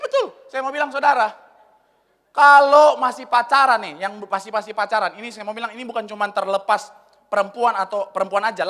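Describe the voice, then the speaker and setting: High bright-voiced joking pastor in a hall. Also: male voice. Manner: animated, joking, acts out little scenes. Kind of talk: humorous sermon. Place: church hall.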